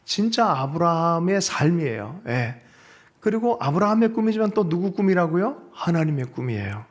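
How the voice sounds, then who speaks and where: A male pastor preaching a sermon in a church, animated and often asking the congregation questions. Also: fairly high pitch, moderate pace. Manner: animated, asks the congregation questions and seeks their agreement. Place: church sanctuary.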